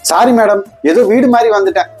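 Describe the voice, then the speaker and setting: A gentle, patient husband and new dad, acted by a woman who talks in a soft, coaxing way. He sits at a middle pitch. Faint music plays underneath. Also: fast talker, natural voice. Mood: soothing. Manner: soothing, coaxing. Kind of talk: comedy skit acting.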